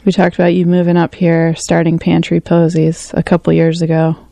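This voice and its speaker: A woman radio host with a low, gravelly voice and a dark, mellow tone. Her delivery stays level and unhurried. The sound is close and dry. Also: no echo. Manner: relaxed, encouraging, laughs along. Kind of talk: community radio interview.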